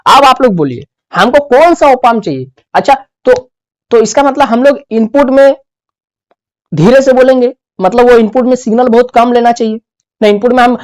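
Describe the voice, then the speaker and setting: A male teacher giving a classroom lecture, asking the class questions and answering them himself, and slowing down to dictate terms word by word. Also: very high-pitched. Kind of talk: classroom lecture while writing notes.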